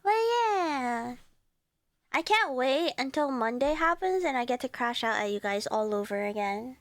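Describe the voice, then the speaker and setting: A woman's voice: sits high, animated, unhurried, no echo. A woman streaming live in casual chat, giddy and rambling with lots of fillers, sounding congested.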